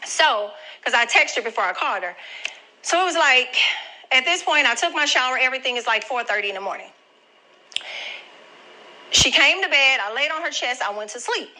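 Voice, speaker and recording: A woman's voice: high voice, lively intonation, brisk, long pauses, bright, forceful tone, poor audio. A grandmother telling viewers a personal story in a chatty, direct way. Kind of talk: casual storytelling to camera.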